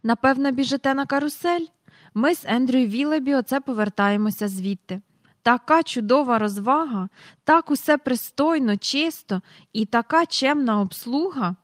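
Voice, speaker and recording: A woman voicing a fussy, chatty lady with a squeaky voice who rattles on without waiting for replies. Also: normal speed, no echo, studio quality, natural voice. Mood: gushing.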